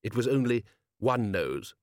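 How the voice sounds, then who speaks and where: Man doing a fussy proper butler, polite sir-every-line manner, lively pitch, dry close sound. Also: dry recording. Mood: prim. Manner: formal, fastidious, deferential. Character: prim devoted male butler.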